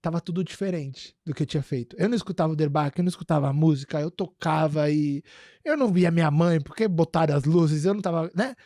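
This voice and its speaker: Rambling man hosting a casual podcast, mellow and slightly high voice. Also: quick pace, dry recording, studio quality. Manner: rambling storytelling with many fillers and restarts. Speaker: podcast host.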